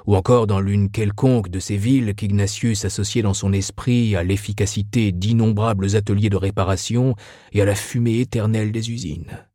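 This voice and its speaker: A man reading a novel aloud as narrator, in a lively, expressive way. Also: fairly low pitch, moderate pace, dry recording, studio quality. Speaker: audiobook narrator. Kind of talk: scripted narration.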